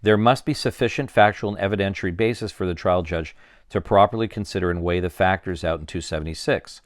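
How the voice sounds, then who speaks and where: A man's voice: deep voice, fast talker, no echo, clean studio sound. A man who is a criminal defence lawyer, reading out court rulings steadily in formal legal phrasing during a discussion.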